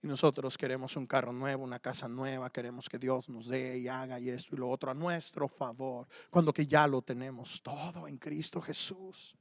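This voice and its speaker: A man preaching a sermon as pastor, moving between loud emphatic passages and quiet asides. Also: medium pitch, fairly even intonation, moderate pace, vocal fry, hardly any pauses, no room sound, clean studio sound.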